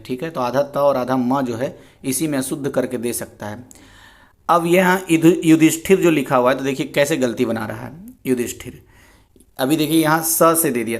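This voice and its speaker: A man gives an exam prep lesson as a voice-over on a screen recording. He talks casually at a middle pitch. He goes through each answer and spells words out slowly, one letter at a time.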